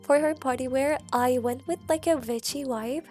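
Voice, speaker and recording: A woman's voice: high-pitched, normal speed, a little mellow. A young woman with a cold and a stuffy, nasal voice, chatting casually and rambling in a self-mocking, slangy way as she narrates her gameplay. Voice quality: nasal, congested. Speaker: Sims content creator. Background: faint background music.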